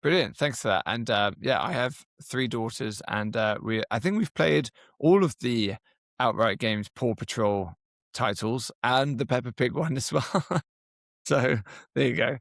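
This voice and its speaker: An upbeat, chatty man in his thirties hosts a podcast interview, encouraging his guests at a mid pitch. The sound is dry and close to the mic, with no room echo. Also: lively intonation, unhurried, vocal fry, fairly bright tone. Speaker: podcast host.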